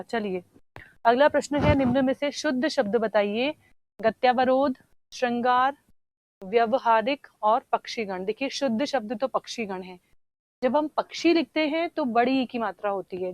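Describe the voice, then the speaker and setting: A woman teacher going through exam answers one question at a time. She explains slowly, spells out words while she writes them and keeps checking with "theek hai". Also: on the high side, no echo. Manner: often says "theek hai" to check understanding. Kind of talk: exam answer discussion lesson.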